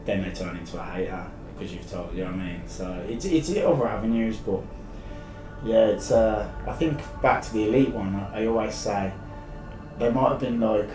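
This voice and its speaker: A man's voice: lowish voice, fairly even intonation, normal speed. English man chatting, roomy and distant. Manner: informal, matey, rambling. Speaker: podcast guest, live-streamer. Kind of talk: casual interview chat, telling anecdotes. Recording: roomy, distant sound with music behind.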